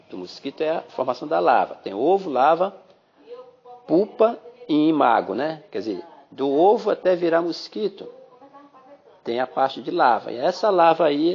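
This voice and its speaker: Brazilian male biology teacher, gravelly voice, chatty podcast lesson, dull phone-app recording. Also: fairly high pitch, darkish tone. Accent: Brazilian Portuguese. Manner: chatty, addresses listeners as "galerinha", frequent "né?". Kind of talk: podcast exam-prep lesson.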